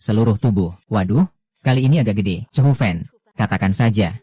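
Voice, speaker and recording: A man narrating an anime recap in casual slang, reading every character's lines in one steady voice. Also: fairly low pitch, normal speed.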